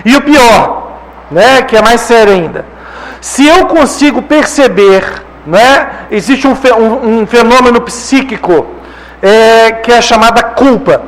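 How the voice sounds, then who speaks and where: A man's voice: very high voice, expressive, takes it slowly, rough recording. A man with a Brazilian Portuguese accent giving a spiritist lecture. He talks in a conversational way, often checking in with "né?" and "tá?". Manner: conversational, frequent rhetorical "né?" and "tá?". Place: lecture hall.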